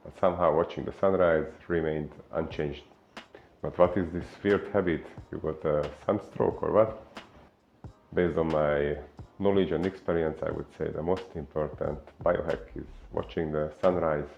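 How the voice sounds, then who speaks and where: Very deep-voiced Hungarian man, gravelly. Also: steady tone, muffled recording, slight background noise. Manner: unhurried, many filler pauses. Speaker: fitness coach. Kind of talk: explainer talk to camera.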